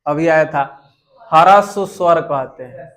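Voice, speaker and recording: A young man teaches in a high voice. He reads each exam question slowly and repeats it before giving the answer. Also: fairly bright tone.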